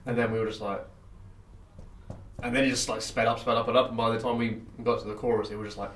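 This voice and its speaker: A man, co-hosting a podcast and telling animated, swear-filled stories in casual chat. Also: mid-range voice, fast talker, a little hiss or hum. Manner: animated storyteller, swears freely. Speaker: podcast co-host. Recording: roomy echo, mic at a distance, faint ambience.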